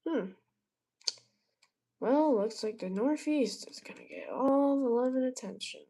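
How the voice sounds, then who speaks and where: A woman's voice: sits high, animated, measured pace, mellow, poor audio. A woman giving casual, sarcastic commentary on weather posts as she browses, swearing freely. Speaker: weather streamer.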